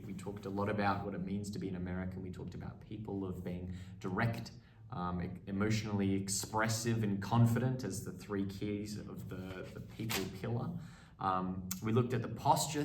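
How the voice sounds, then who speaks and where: A man's voice: low-pitched, slight background noise. A man talking through what he learned in a voice and accent class, hesitant with frequent ums and restarts. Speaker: acting student. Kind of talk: spoken reflection on a course. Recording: roomy echo, mic set at a distance.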